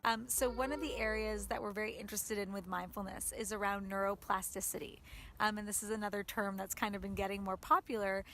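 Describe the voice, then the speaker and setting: Calm woman explaining mindfulness in an interview. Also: medium pitch, a little fast, faint music behind.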